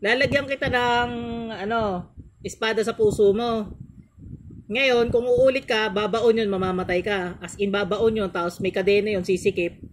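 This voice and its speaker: A man working as a faith healer, who chants ritual prayers slowly and scolds in a stern, commanding way. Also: high voice, fairly even intonation, slight background noise. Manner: chanting in slow, drawn-out formulas. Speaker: faith healer performing an exorcism.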